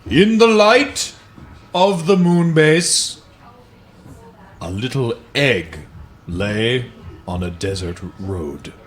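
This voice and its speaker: This male host pauses often and speaks extremely slowly as he reads children's books aloud and chats about them. His medium-pitched voice is animated, and background music plays behind it.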